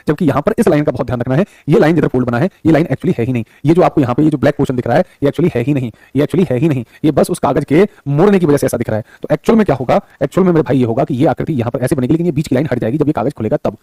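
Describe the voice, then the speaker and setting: A man's voice: on the high side, racing, few pauses, dark tone, husky, dry recording. A male teacher running a live online exam-prep class on a studio mic, repeating points and calling his students son and brother. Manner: repetitive and affectionate, calls students son and brother; reads viewers' chat aloud. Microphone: studio microphone.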